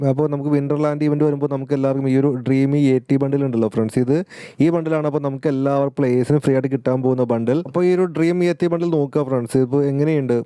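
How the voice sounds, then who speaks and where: A man's voice: mid-range voice, dark tone, smooth, no echo. A man giving casual gaming update commentary as a YouTuber, chatty and often addressing his viewers as friends and guys.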